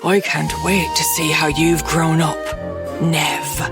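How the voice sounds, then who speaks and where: A woman's voice: low voice, flat delivery, slow pace, over music. A woman doing a growling Irish killer. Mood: menacing. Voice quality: growling, raspy. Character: menacing older male Irish killer, gleeful and cruel.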